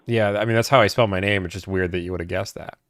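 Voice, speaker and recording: A man hosting in a casual style, low-key on the phone and more animated when he explains to his online audience. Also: fast talker. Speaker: host, car buying negotiator.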